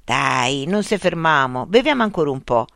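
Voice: medium pitch, big pitch swings, moderate pace, gravelly, fairly bright tone, dry recording, studio quality. A storyteller voicing Cesare, a brave schoolboy with a Roman accent who coaxes his friend along. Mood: coaxing. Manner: coaxing, reassuring.

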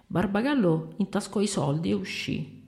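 A woman reading a short story aloud in an expressive storytelling manner. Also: mid-range voice, moderate pace, creaky.

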